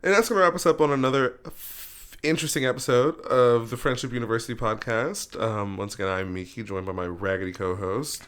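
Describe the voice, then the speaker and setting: Podcast host, casual chat, rambling, filler-heavy, mid-pitched voice. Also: brisk, hardly any pauses, a bit bright, smooth.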